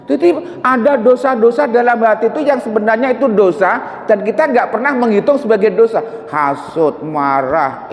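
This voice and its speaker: A man with a Javanese accent teaching a mosque study session, talking conversationally, asking the congregation questions and mixing in Javanese and Arabic phrases. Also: high-pitched. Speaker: religious teacher. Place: mosque hall. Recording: echoey hall with long reverb.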